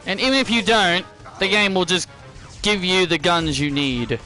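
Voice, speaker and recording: High-pitched man commentating on a video game. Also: lively intonation, normal speed, bright, forceful tone, faint music behind. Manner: repeats and rephrases phrases. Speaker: gameplay commentator.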